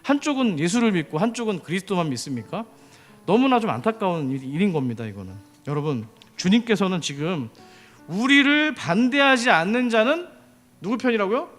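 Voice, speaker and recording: A man's voice: high-pitched, big pitch swings, a little fast, fairly bright tone, faint music behind. A man preaching a sermon as pastor, often putting questions to the congregation.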